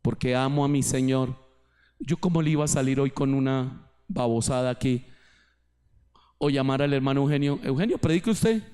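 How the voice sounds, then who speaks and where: A man's voice: mid-range voice, little pitch movement, moderate pace, long pauses, darkish tone. A male pastor preaching a sermon in church, rising and dropping his voice for emphasis.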